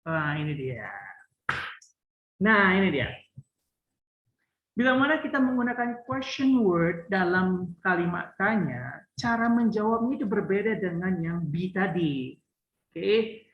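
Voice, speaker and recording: A man's voice: high voice, very animated, slow pace, pauses often, slight background noise. Male tutor, jokey and repetitive; echoey room, muffled lo-fi sound. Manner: joking, teasing, repeats phrases. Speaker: English teacher. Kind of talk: casual online lesson. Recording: roomy, dull lo-fi.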